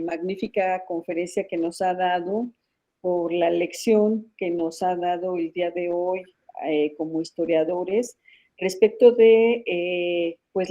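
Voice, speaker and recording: A woman moderating an online lecture, thanking the speaker in a measured, hesitant way. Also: medium pitch, dark tone, rough recording. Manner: slow, measured, hesitant fillers. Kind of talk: formal closing thanks.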